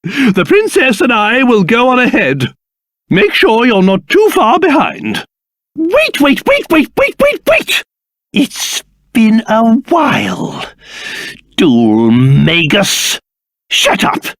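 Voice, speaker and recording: An actor playing a pompous, fussy old king turned into a small monster in a video game, with a British accent and a theatrical, excitable delivery. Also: very high voice, slow pace, dry recording, clean studio sound, heavily acted. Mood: tender, then furious.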